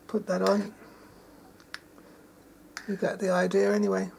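Woman, gravelly voice, flat delivery, casual cooking vlog, chatty, enthusiastic. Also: mid-range voice, measured pace, slight background noise. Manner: chatty and enthusiastic, savoring each taste aloud. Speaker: home gardener and cook. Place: shearing shed kitchen.

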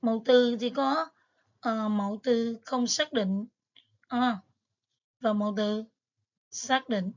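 A woman's voice: on the high side, steady tone, slow pace, pauses often, muffled recording. A woman teacher, patiently going over exam material step by step with frequent fillers. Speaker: English teacher. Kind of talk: exam review lesson.

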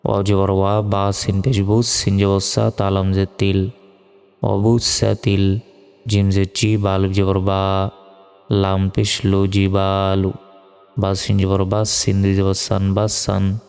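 A man teaching Quran recitation, spelling letters and vowel marks one by one and chanting each verse slowly. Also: deep voice, monotone, vocal fry, darkish tone, smooth. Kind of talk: religious lesson with spelled-out recitation. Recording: long reverb with faint music.

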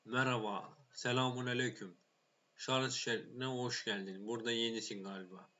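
A man's voice: mid-range voice, fairly even intonation, moderate pace, highs cut off. Foul-mouthed man commenting on gameplay. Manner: playful, swears a lot, shouts at the game when angry. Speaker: gaming YouTuber.

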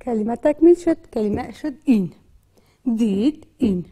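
A woman's voice: fairly high pitch, lively intonation, warm tone, husky. A woman with an Afghan Dari accent teaching a literacy lesson, patiently repeating and spelling out words with frequent hesitations. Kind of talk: classroom lesson.

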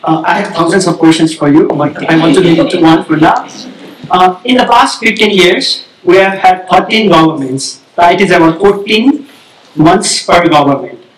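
High-voiced man with a pointed question. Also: moderate pace, recorded from a distance, slight background noise. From Nepal. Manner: earnest and pointed. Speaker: student asking a question. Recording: echoey hall, voice from off-mic.

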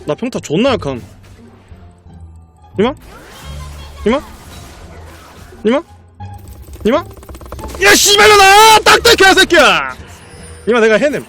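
A male streamer commentating his own live game stream, excitable and profane, laughing often. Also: very high-pitched, slow pace, pauses often, over music.

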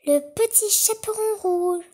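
A woman's voice: very high-pitched, unhurried, mellow, pitched above the performer's own voice. A woman voicing a naive, trusting little girl in a children's storybook reading. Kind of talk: storybook read-aloud.

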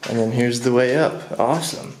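A man's voice: mid-range voice, moderate pace, background noise. A young man casually talking to viewers, curious and chatty, as he walks through a large empty abandoned building with a camera mic. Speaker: urban explorer vlogger. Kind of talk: casual handheld exploration vlog. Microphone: handheld camera mic.

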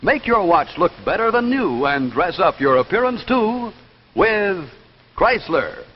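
This young announcer, with a high, very animated voice, delivers a slick scripted pitch a little slowly in classic 1950s TV-ad style. His commercial plays on a dull 1950s television soundtrack with music, with a big-room sound and slight background noise.

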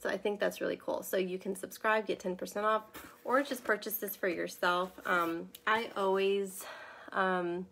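Congested woman, chatty product consultant, gravelly fry in her voice, rambling delivery. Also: mid-range voice, fairly even intonation, normal speed, a bit bright. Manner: chatty and rambling, with many ums. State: congested from a sinus infection. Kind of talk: casual live unboxing chat.

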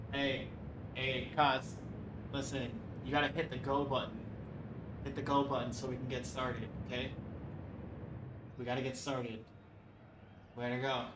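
At home, a young man with a stuffed-up nose streams a racing game, casually chatting with viewers, reading chat aloud, and joking along. His voice is medium-pitched and picked up by a desk mic with webcam framing, with background noise present.

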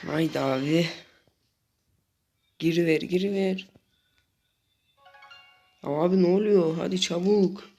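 Young guy narrating his game, gets worked up and shouts at it, game music in the back. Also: sits high, slow pace, long pauses. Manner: excitable, frequently exasperated outbursts. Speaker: gaming channel host. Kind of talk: live gameplay commentary.

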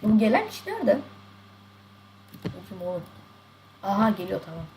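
A young woman casually commenting on her game as a streamer, talking to viewers with quick shouts and laughs. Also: medium pitch, sing-song, a little hiss or hum, poor audio. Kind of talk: casual live gaming commentary. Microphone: desk mic picking up mouse and keys. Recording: loud keyboard and mouse clicks. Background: constant typing and mouse clicking.

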